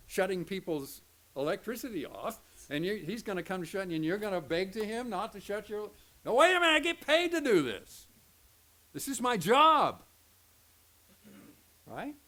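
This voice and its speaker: An older pastor with an Oklahoma Southern accent gives a folksy Sunday school lesson. His voice sits high and swings widely in pitch as he jokes and slips into the voices of the people in his stories. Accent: Oklahoma Southern American. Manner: joking, animated, acts out quoted voices.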